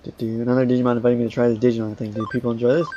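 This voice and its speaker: A man's voice: medium pitch, little pitch movement, racing, mellow, muffled recording, slight background noise. A man hosting a let's play, reading the game's dialogue aloud and tossing in casual offhand remarks. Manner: casual, reads on-screen dialogue with offhand asides.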